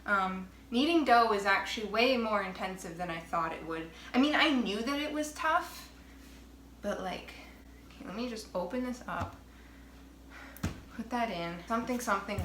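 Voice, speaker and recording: A woman's voice: mid-range voice, animated, normal speed, fairly bright tone, reverberant, a little hiss or hum. A woman chatting casually on a vlog while she bakes at home, exasperated and self-mocking, swearing now and then. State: out of breath. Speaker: vlogger. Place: home kitchen.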